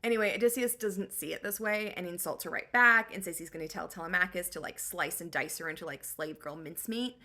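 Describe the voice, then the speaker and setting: A woman's voice: lowish voice, a little fast, few pauses, bright, forceful tone. Young female host for a snarky book recap, casual and sarcastic. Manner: sarcastic, slang-heavy.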